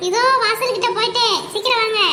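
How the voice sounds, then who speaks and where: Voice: steady tone, fast talker, reverberant. A voice doing a whiny cartoon schoolgirl. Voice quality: very high, thin cartoon voice. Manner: whiny, pushy. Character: impatient little schoolgirl daughter. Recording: audible background noise.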